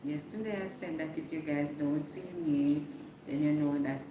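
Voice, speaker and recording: Jamaican woman livestreamer, casual update style with repeated phrases, in an echoey room with clear background noise. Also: deep voice, normal speed. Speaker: livestreamer giving a hurricane update. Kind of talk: casual live check-in chat with viewers.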